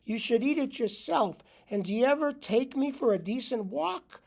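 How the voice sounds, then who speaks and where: A man's voice: very high-pitched, lively intonation, moderate pace, vocal fry, pitched above the performer's own voice, exaggerated voice. A man voicing a grumpy old male talking dog who complains nonstop, sprinkling in Yiddish words. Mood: aggrieved.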